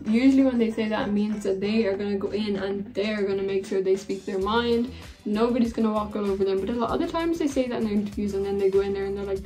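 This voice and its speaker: A woman's voice: medium pitch, mellow. A woman in her twenties casually gossiping and giving opinions in a reaction vlog. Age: 20s. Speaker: reaction vlogger.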